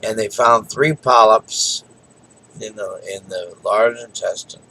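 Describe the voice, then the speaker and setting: Tired man with a gravelly voice. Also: lowish voice, slow pace, pushed and bright, rough recording. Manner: rambling, folksy, yawning. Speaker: vlogger. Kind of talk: casual late-night vlog.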